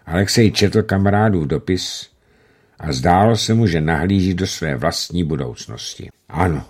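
Male audiobook narrator, low register, measured and steady delivery. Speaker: narrator reading a novel. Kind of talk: audiobook reading of a letter and narration.

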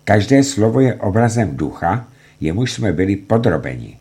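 A man narrating a documentary in a dramatic, declamatory way, acting out quoted documents with strong swings of pitch. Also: very animated, warm tone, husky.

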